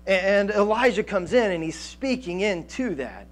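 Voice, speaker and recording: A man in his thirties preaching a sermon on a church stage through a headset mic, animated, with frequent restarts and fillers. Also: high-pitched, measured pace. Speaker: pastor. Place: church stage with band gear, indoors.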